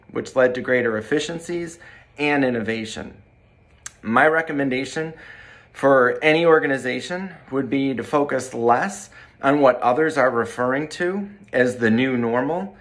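A man's voice: medium pitch, a bit bright. Earnest man reading a testimonial. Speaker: corporate training director. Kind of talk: read testimonial to camera. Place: bright room by large windows, indoors.

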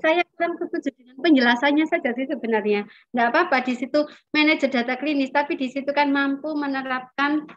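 A woman's voice: sits high, a little fast, a bit bright. Woman on a choppy, breaking-up call. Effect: choppy audio cutting in and out over a video call. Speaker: meeting participant giving feedback. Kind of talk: online work meeting. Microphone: video call. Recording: muffled, breaking-up video call audio.

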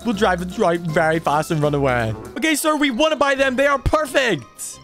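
A man hosting a gaming video, talking in a frantic, excitable roleplay style that repeats words. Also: high voice, normal speed, soft background music.

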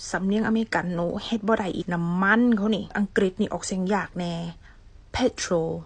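Husky Thai woman with Isan lilt. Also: mid-range voice, steady tone, fast talker, no room sound. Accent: Northeastern Thai (Isan). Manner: repeats each English word twice, mixes in Isan dialect. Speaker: English teacher. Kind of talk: casual vocabulary lesson.

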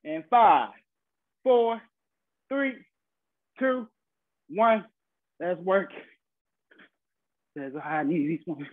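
A young man with a high voice leads a workout as a fitness instructor. He speaks in short, encouraging cues and countdowns. The sound is thin and phone-like, as over a video call, with a dry room. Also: drawn-out words, pauses often, dry recording. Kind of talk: live online HIIT class coaching. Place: small carpeted room at home, indoors. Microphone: laptop or webcam mic on video call.

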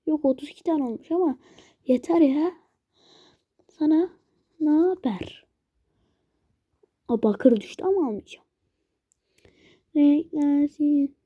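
A woman's voice: sits high, animated, measured pace, long pauses, no room sound, phone-quality sound. A woman giving casual let's-play commentary as host, chatting to and pleading with game monsters as she plays. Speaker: gaming channel host.

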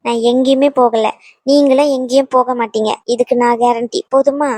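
A woman voicing a caring sister-in-law who reassures a young pregnant woman and gently urges her to eat. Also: high-pitched, steady tone, brisk, dry recording, natural voice. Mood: reassuring.

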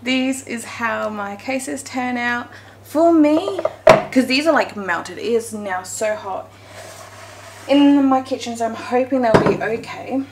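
A woman whose voice is on the high side talks at a slow pace while baking at home. It's a relaxed, chatty walkthrough full of self-corrections as she works. Faint noise comes through in the echoey kitchen.

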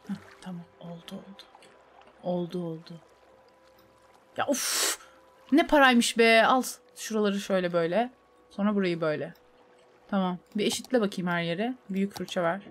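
A woman's voice: mid-range voice, slight background noise. A young woman streamer chatting casually over a city-building game, talking to herself and her chat. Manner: chatty, talks to herself and to chat, with sudden laughing outbursts. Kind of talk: casual gameplay commentary.

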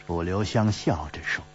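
A man narrating a traditional storytelling audiobook in a dramatic, drawn-out manner. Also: mid-range voice. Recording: slightly dull recording with faint hum.

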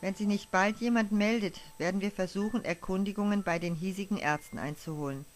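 A woman reading the part of a calm, sympathetic male hospital doctor who reassures in an earnest, gentle way, over faint music. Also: medium pitch, fairly quick, close to an everyday voice. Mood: reassuring.

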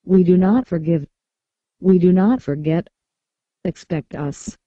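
Give me a disguised synthetic computer voice as an anonymous spokesperson, reading a scripted statement in a flat, measured way. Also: mid-range voice. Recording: muffled lo-fi audio with faint music.

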